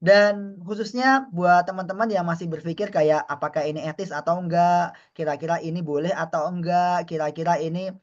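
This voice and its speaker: A man's voice: sits high, fairly even intonation, normal speed, lo-fi sound. A man from Indonesia, a university lecturer, giving a friendly, chatty online webinar lecture and often addressing the audience as friends.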